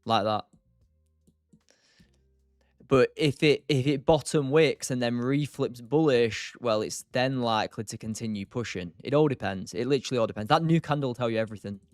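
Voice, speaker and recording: A man's voice: mid-range voice, normal speed, a little mellow, dry recording, studio quality, soft background music. A tired man hosting a live stream, thinking aloud and answering chat in a loose, casual way. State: tired, short on sleep. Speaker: streamer, day trader.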